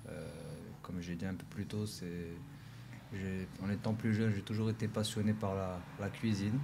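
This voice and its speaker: A man's voice: deep voice, little pitch movement, moderate pace, background noise. A man from Morocco, a restaurant owner as a podcast guest, talking hesitantly and often restarting his sentences. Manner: hesitant, searches for words, many restarts. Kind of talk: casual interview. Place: podcast studio.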